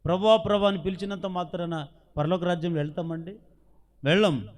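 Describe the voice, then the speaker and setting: A man's voice: high-pitched, fairly even intonation, brisk. A man with a Telugu accent preaching a sermon as pastor, asking the congregation questions and acting out the voices in the story he tells. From India. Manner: preaching with rhetorical questions, acting out quoted dialogue.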